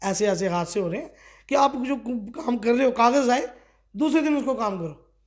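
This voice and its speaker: A middle-aged man from Kathua speaks in a notably high voice. He is a district party official giving a local news interview. He presses his complaints forcefully and leans on rhetorical questions. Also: expressive, moderate pace. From Kathua, Jammu and Kashmir.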